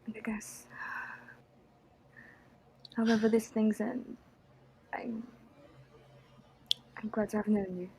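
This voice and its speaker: Woman in a whispered role-play, slow and halting apology, mid pitch. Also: level tone, background noise. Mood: remorseful. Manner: halting, hesitant, soft. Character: remorseful young woman apologizing softly.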